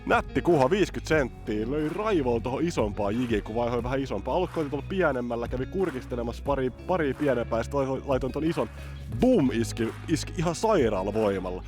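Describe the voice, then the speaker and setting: Excitable man from vlogging outdoors. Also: medium pitch, hardly any pauses, faint music behind. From Helsinki, Finland. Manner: excitable, chatty, explaining technique. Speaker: fishing vlogger. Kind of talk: casual outdoor vlog narration. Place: outdoors on a frozen city lake.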